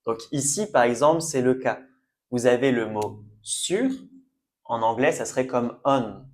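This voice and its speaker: A man's voice: mid-range voice, unhurried, darkish tone. A man giving a French language lesson, patiently repeating sounds and words and often checking that learners follow. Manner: checks understanding with "d'accord?". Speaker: French teacher.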